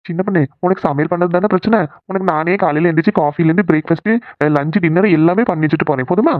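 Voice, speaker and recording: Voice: medium pitch, no echo, lightly acted. Actor voicing a teasing young cartoon husband. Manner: quick, teasing explanations. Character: joking young husband and son-in-law, teasing. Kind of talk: Tamil cartoon dubbing. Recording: tinny phone-like sound.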